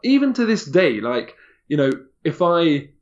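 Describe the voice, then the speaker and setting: A man's voice: a little high, very animated, unhurried, muffled recording. A man, a guest in a casual podcast conversation, talking candidly and emphatically, often repeating himself.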